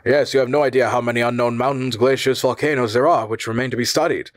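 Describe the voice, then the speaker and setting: A man performs the part of a polite, scholarly male professor proud of his homeland, reading from a storybook in a formal, earnest and eager way. He talks fast in a steady tone, his near-everyday voice a little higher than a middle male pitch, and the recording is dry.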